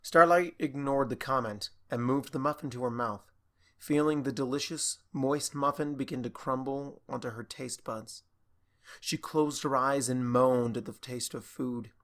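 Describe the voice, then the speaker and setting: A man narrating a fan fiction audiobook in a steady, even storytelling manner. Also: medium pitch, unhurried.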